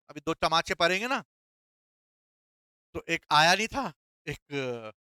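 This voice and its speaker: A man's voice: a little high, bright, forceful tone, smooth, no echo. A male teacher giving a classroom lecture, playful and quizzing his students with call-and-response questions.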